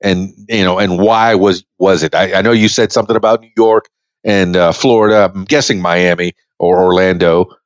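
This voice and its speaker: A man in his fifties hosts a podcast interview in a low, steady voice at normal speed. The casual chat rambles, with many restarts and easy laughter. The audio is dull but free of echo.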